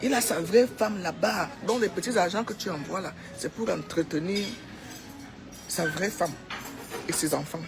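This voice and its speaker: A fairly low, gravelly female voice with a Cameroonian accent speaks at a moderate pace over music. She's a social media commentator giving followers an informal, opinionated monologue, exhorting them and repeating phrases for emphasis.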